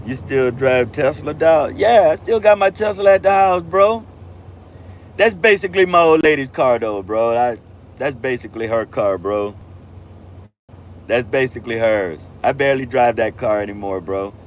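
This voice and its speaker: A man's voice: medium pitch, moderate pace, a little hiss or hum. Laid-back man in his fifties, slangy. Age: 50s. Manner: laid-back slang-heavy talk, calls viewers bro and fam. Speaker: livestream host, truck driver. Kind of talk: casual livestream chat reading viewer comments.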